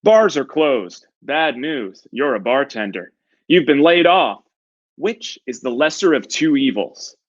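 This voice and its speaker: A man playing a smug, theatrical TV game show host with a booming prize-announcer delivery and drawn-out build-ups. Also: very animated, highs cut off. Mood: dramatic build-up.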